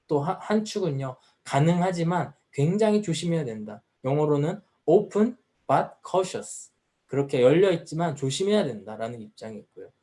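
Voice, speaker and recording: A man's voice: a little high, warm tone. A man preaching a sermon at a youth service as the pastor, earnest and full of rhetorical questions. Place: church.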